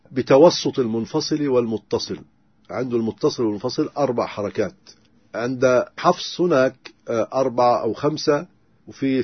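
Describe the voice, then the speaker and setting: A man lectures methodically on Quran readings, stopping now and then on a filler sound. His voice is husky and dry, with no room sound around it. The recording is a little dull. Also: medium pitch, no echo. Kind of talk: explanatory lecture.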